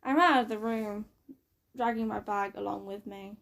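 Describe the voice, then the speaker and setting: A woman's voice: medium pitch, steady tone, moderate pace, gravelly, fairly bright tone. A woman reading fan fiction aloud in a casual way, with occasional fillers.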